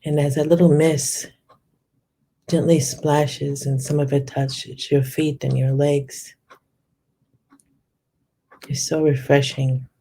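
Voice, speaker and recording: Leading a guided visualization, this meditation guide speaks slowly and soothingly in a mid-range voice with a level tone and a breathy edge, lingering on descriptive language. The audio is poor.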